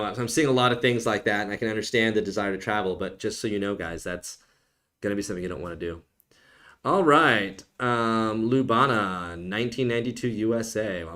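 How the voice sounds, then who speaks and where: With a fairly low, fairly bright voice, this man, an immigration lawyer, fields questions from viewers during a live stream. He's relaxed and playful, ribbing his audience and frequently tossing in "okay?".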